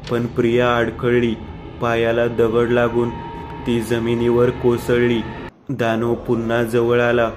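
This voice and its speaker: A man narrating a scripted horror story in an even, steady delivery. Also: medium pitch. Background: faint music.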